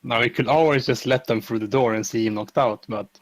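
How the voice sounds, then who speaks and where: A man's voice: medium pitch, steady tone, brisk, no room sound. A man playing a tabletop game, with dry, joking remarks. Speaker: player. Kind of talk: casual tabletop play.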